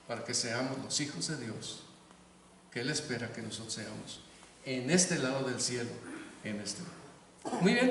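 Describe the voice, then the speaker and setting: A man's voice: fairly high pitch, fairly bright tone, far from the mic, a little hiss or hum. Older man preaching in an echoey hall. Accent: Mexican Spanish. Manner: earnest preaching, storytelling, rising to emphatic calls. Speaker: pastor. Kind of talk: sermon.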